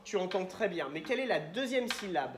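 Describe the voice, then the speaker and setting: A man's voice: high voice, big pitch swings, a little fast, slight background noise. A patient male schoolteacher leads a phonics lesson and stretches each syllable so young children can follow. His voice bounces around an echoey classroom. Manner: patient, sounds words out syllable by syllable. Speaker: primary school teacher. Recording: echoey room.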